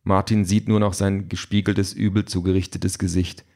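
Guy with a lowish voice reading a story, steady and measured. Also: gravelly. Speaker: narrator. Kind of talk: scripted story narration.

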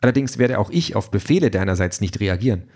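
A man's voice: fairly low pitch, expressive, fast, a little mellow. A man voicing a cool, teasing young woman in an audiobook, mocking and sure of herself. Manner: cheeky, mocking.

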